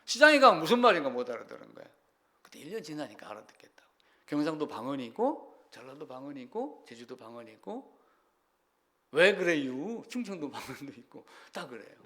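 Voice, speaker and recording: Slightly high and sing-song, the male pastor talks a little fast while preaching. He engages the congregation with questions, shifting between booming emphasis and soft asides in a conversational style.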